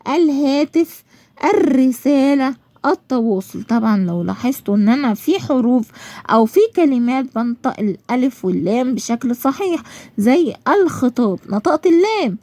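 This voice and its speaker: A woman's voice: on the high side, lively intonation, fairly quick, mellow, no room sound. A woman with an Egyptian accent teaching a school lesson, asking and answering her own questions and drawing out example words.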